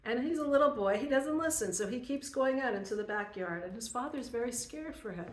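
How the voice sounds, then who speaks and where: A woman's voice: a little high, brisk. Earnest woman teaching a Torah class. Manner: earnest, animated storytelling to a group. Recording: roomy echo.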